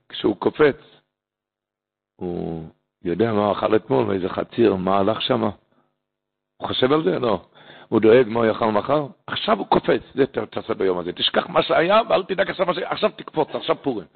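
A man, a rabbi, giving a holiday sermon full of stories, impassioned and climbing sharply in pitch for emphasis, often repeating phrases as he teaches. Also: gravelly, slightly rough. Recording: tinny phone-like lo-fi recording.

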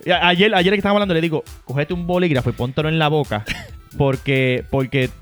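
A man with a Puerto Rican accent co-hosting a casual chat, talking in a loose, animated way and often stumbling over his words. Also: fairly high pitch, fast, faint music behind. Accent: Puerto Rican Spanish. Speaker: podcast co-host.

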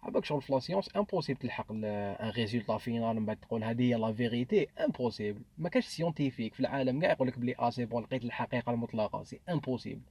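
A man's voice: medium pitch, lively intonation, very fast, hardly any pauses, darkish tone, breathy edge, dry recording. A man with an Algerian accent talking through ideas in a casual podcast discussion, slipping between Arabic and French. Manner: mixes French into Arabic, thinks aloud with restarts.

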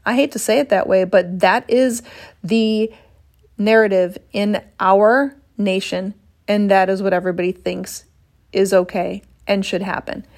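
A woman in her fifties, a fitness coach talking casually to her viewers at a medium pitch. She is blunt and fired up, swears in passing and lets out exasperated sighs as she pushes her point. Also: fairly even intonation, unhurried, darkish tone. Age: 50s. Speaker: women's health and fitness coach. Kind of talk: casual monologue to camera.

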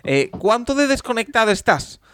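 A man's voice: very high voice, big pitch swings, normal speed, a little hiss or hum. A man hosting a football podcast, introducing guests and reading listener questions in casual chat. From Spain. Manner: bright, clear, introduces and reads listener questions. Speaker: podcast host.

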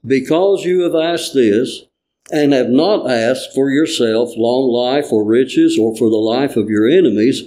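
A man reading scripture in church, formally, with measured and earnest phrasing. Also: medium pitch, mellow, low-quality recording.

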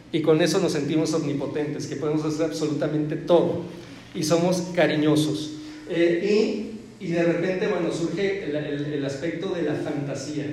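Speaking a little high with a darkish tone over a faint hiss or hum, a Mexican-accented man lectures in an echoey hall. He is a therapist and speaker giving a motivational talk that's playful and jokey, full of acted-out little voices.

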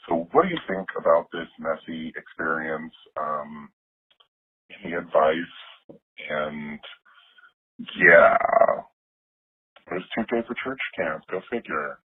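Man behind a deep voice changer. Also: lively intonation, slow, pauses often, slightly rough. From Southern United States. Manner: candid, wry confessional telling. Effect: deep voice changer disguising the voice. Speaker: caller leaving a voicemail. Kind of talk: casual phoned-in story. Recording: phone-like voicemail through a voice changer.

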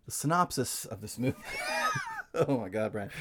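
Lively chatty podcast co-host, male. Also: fairly low pitch, normal speed, background noise. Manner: chatty, rambling with many ums, laughs easily. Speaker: podcast co-host presenting the movie. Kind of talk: casual chat.

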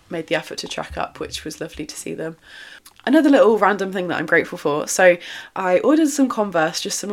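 A woman, chatting casually and upbeat as the host of her own solo podcast, with a lingering cough in her throat. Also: fairly low pitch. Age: 20s. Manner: chatty, upbeat, lots of fillers and little laughs.

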